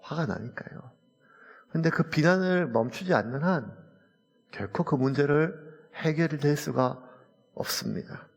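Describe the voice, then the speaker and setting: Gravelly, husky pastor preaching in a church. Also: male voice, a little high, moderate pace, muffled recording. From South Korea. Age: late 40s. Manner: earnest, conversational preaching with personal anecdotes. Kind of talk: sermon. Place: church sanctuary. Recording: reverberant church hall.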